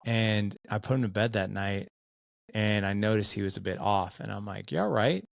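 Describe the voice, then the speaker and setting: A man's voice: fairly low pitch, flat delivery, brisk, creaky, no room sound. A man in his forties, a podcast guest, telling candid stories in a loose, casual way full of "like" and "dude.". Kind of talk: casual storytelling chat.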